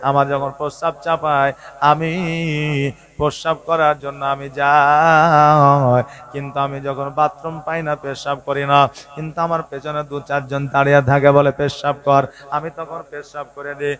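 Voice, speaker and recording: Mid-story, a preacher briefly becomes a weary, ashamed older man. He speaks low and confessional, with a voice pitched a touch high. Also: level tone, moderate pace, fairly bright tone, natural voice. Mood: sheepish.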